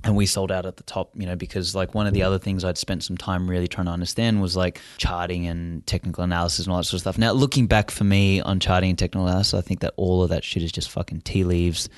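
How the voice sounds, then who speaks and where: A man, a podcast guest telling stories in a casual, profane, animated way with lots of fillers and restarts. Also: sits low, fast, hardly any pauses, no room sound, studio quality. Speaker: interview guest. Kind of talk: casual conversational storytelling.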